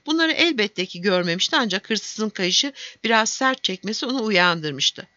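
A woman narrating a fantasy audiobook in a steady storytelling manner. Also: mid-range voice, normal speed, no echo, lo-fi sound.

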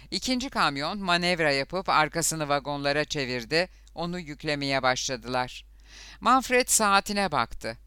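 A man narrating a thriller audiobook in a steady, measured storytelling manner. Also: fairly high pitch, clear, resonant tone, dry recording, clean studio sound. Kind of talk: scripted narration.

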